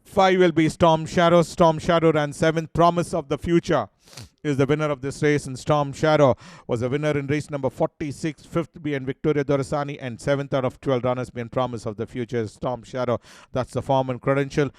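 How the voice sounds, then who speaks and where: A man with an Indian English accent presenting a horse racing preview, working through each runner's form in a steady, listing way with many "uh" fillers. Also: on the high side, brisk, smooth, dry recording. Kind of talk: race preview commentary over replays.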